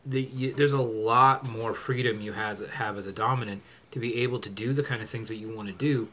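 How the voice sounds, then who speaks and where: A man's voice: medium pitch, steady tone, fairly quick, sharp tone. A man hosting a casual chat, rambling with many restarts and fillers. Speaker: channel host.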